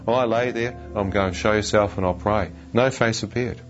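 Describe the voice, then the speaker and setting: A man narrates his personal testimony in an earnest, reflective tone. His voice sits fairly low. The audio is dull, with music playing clearly behind him. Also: fairly even intonation, normal speed.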